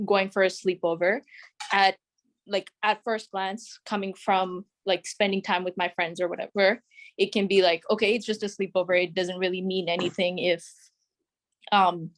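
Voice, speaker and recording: A young woman from Canada joining a video call as a guest, speaking thoughtfully with lots of "like" and "um". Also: medium pitch. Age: young adult. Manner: thoughtful, many fillers like "like" and "um". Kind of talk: casual discussion.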